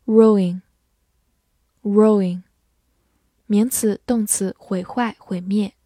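Slow, dry-voiced woman teaching vocabulary. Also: medium pitch, steady tone, dark tone, dry recording. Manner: slow, deliberate word-by-word drilling. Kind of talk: scripted vocabulary lesson.

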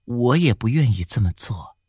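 A man's voice: mid-range voice, normal speed, husky, dry recording, studio quality. A man voicing a wronged young woman who answers in short, resolute replies, in an audiobook. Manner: terse, flat replies. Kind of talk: audiobook character voice.

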